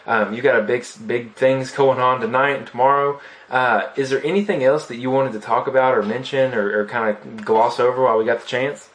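A man's voice: medium pitch, steady tone, fairly quick, few pauses, fairly bright tone. A man hosting a podcast interview, easygoing and encouraging, often restarting his sentences and saying "man.". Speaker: podcast host. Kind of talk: casual interview chat.

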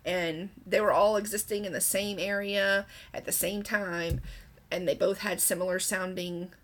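A woman's voice: mid-range voice, steady tone, normal speed, fairly bright tone. A woman hosting a podcast, talking casually as she explains things. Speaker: podcast host.

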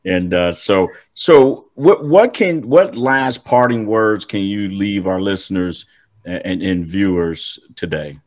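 A man's voice: low voice, lively intonation, slow, a little mellow. A man hosting a casual interview podcast, often repeating words and restarting his sentences. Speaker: podcast host.

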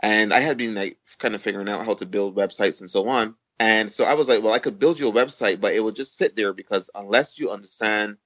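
A man from Barbados with a fairly low voice, talking as a guest on a podcast. He explains things in a measured way, building his points step by step. The audio is dull and lo-fi. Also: fairly bright tone. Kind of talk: conversational interview.

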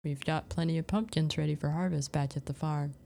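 Woman voicing a gentle young farmer man. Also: low voice, fairly even intonation, a little fast, gravelly. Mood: cheerful.

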